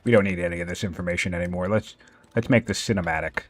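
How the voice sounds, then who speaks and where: A man's voice: low voice, racing, no room sound. Jokey male game caster, dry close sound. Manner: jokey, laughs often, playfully sarcastic. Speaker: tournament caster. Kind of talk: casual game commentary.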